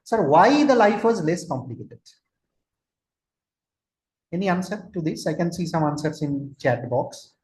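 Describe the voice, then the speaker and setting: A man's voice: a little high, animated, unhurried, long pauses, darkish tone. Indian man lecturing with roomy echo. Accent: Indian English. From Kolkata, India. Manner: asks listeners questions, drops into Hindi. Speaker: trainer, lecturer. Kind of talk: online lecture.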